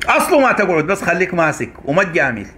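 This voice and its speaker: A man with a Sudanese Arabic accent rants at a rapid clip, his voice bright and cutting with a somewhat raised pitch. He is fiery and accusatory, driving each point home by repeating it. It is the delivery of a commentator addressing his audience directly. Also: big pitch swings. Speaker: online commentator. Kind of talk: political rant to camera.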